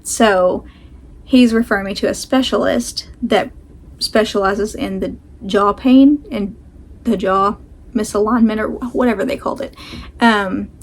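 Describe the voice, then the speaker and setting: Talking to camera as a vlog host, a woman rambles casually and makes self-deprecating remarks in a medium-pitched voice. A sore jaw slightly restricts how she moves her mouth.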